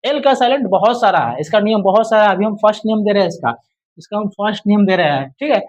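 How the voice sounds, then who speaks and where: High-voiced man drilling English rules. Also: animated, fast talker, highs cut off. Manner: repetitive quizzing, drills answers aloud; addresses viewers as friend and brother. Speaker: English teacher. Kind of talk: casual spoken lesson.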